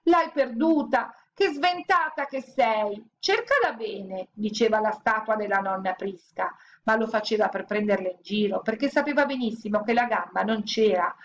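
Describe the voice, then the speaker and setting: Woman reading a children's story aloud. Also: medium pitch. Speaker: audiobook reader.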